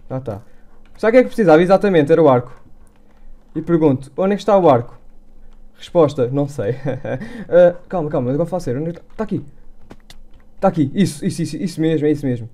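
A man's voice: a little high, animated, fast, dark tone. A man with a European Portuguese accent commentating his own Minecraft gameplay, muttering and repeating words under his breath as he plays. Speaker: gaming YouTuber.

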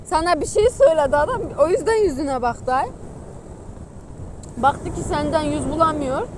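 A high-voiced woman with a Sivas accent tells stories in a casual, animated, gossipy way, full of folksy exclamations. She is outdoors, with clear wind, water and engine noise around her. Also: moderate pace. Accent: Sivas, central Anatolian Turkish. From Sivas, Turkey. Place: outdoors by the sea.

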